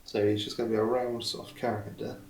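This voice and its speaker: A man's voice: lowish voice, flat delivery, brisk, background noise. A man who will voice a game character, chatting casually with a naturally cheerful-sounding tone and short agreeing replies. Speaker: voice actor. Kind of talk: casual chat. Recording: roomy echoing recording.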